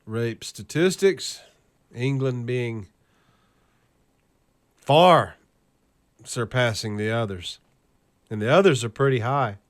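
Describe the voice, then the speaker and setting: Hosting a current-events video, a man with a mid-range voice takes his time and pauses often. He mocks the clips with profane, scornful sarcasm and reads his lists in a steady cadence.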